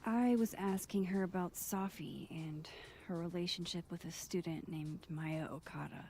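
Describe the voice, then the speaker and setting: An actress playing a curious young woman who investigates, direct and probing, with a breathy voice. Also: lowish voice, moderate pace, a little mellow, close to an everyday voice.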